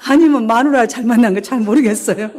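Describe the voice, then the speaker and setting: A woman's voice: fairly high pitch, brisk, darkish tone. A woman pastor delivering an emphatic sermon in a church, telling stories and laughing now and then. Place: church sanctuary.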